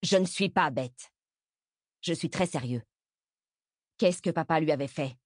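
A fed-up teenage boy , voiced by a woman narrator, pushes his questions in a low, firm tone. The storybook reading sounds close and dry. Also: measured pace, no room sound. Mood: probing.

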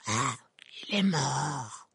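Voldemort, slow icy dark wizard, as a man puts him on. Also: mid-range voice, lively intonation, gravelly, breathy edge, dry recording, clean studio sound, full character voice. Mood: icy menace.

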